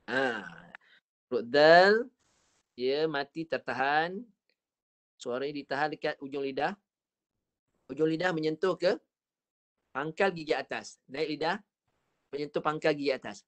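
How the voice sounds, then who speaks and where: A man with a Malaysian Malay accent teaching Quran recitation in an online class, patiently modelling each sound slowly and repeating it. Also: fairly high pitch, fairly bright tone. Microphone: online video call.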